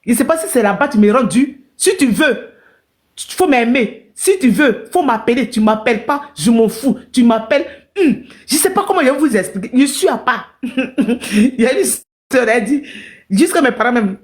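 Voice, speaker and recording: A woman's voice: on the high side, expressive, moderate pace. A woman on a live stream telling her own hard story to her viewers, emotional and repetitive, calling out to people in the chat.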